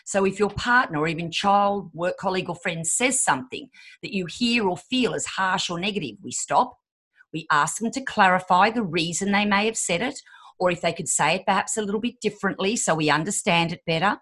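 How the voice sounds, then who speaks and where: A woman's voice: mid-range voice, a little fast, fairly bright tone, slightly rough. A woman in her fifties, a podcast guest giving relationship advice and acting out quoted voices. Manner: acts out quoted voices, emphatic.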